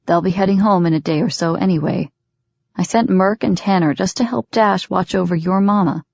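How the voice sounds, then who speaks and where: A woman reading the part of a rough-voiced, dominant grown man in an audiobook, with clipped, commanding delivery. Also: fairly quick, darkish tone, no room sound, dull audio. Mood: gentle. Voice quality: rough, low-pitched. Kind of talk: audiobook character voice.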